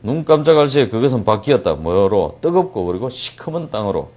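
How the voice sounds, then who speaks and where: A man teaching English reading in a classroom lecture. He reads English lines slowly and deliberately, explains them quickly, and asks questions that he answers himself. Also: lowish voice, big pitch swings, a little mellow.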